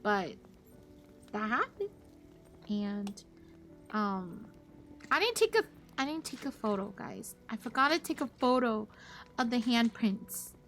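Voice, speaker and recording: A woman's voice: a little high, sing-song, slow pace, pauses often, a bit bright, soft background music. A woman live streamer telling a rambling story to her chat in a casual way, full of fillers. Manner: chatty, rambling, many fillers; greets chat viewers mid-story.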